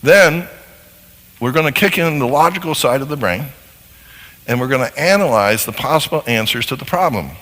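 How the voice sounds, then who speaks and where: A man giving a seminar talk to a live audience, animated and acting out little scenes as he explains. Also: mid-range voice, moderate pace, in a large hall, low-quality recording. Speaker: marriage seminar speaker.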